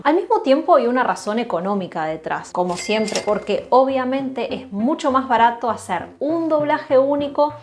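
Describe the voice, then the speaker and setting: A woman from Uruguay with a Uruguayan accent, explaining a scripted Spanish lesson in a clear, playful way. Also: on the high side. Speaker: Spanish teacher.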